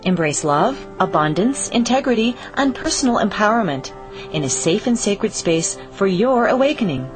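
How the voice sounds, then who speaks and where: A woman reading a scripted radio promo in a smooth, inviting voice. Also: medium pitch, sing-song, moderate pace. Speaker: promo announcer. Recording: voice over music bed.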